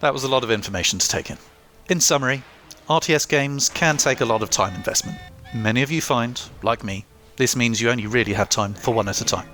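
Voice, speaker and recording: A man's voice: mid-range voice, fast, few pauses, pushed and bright, soft background music. A young man reading a scripted game review with dry, self-mocking humour. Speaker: gaming YouTuber.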